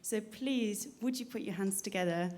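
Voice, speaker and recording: A woman's voice: medium pitch, moderate pace, background noise. A woman violinist chatting to a live audience on a cruise ship stage, telling a story between pieces through a stage mic.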